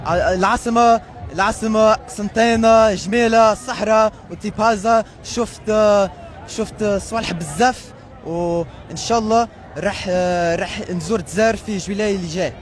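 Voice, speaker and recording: A young man with an American accent, a native English speaker, talking casually and haltingly in a street interview. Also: high-pitched. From United States. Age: young adult. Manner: halting, searching for words. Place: busy city square outdoors. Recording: street crowd, faint music behind.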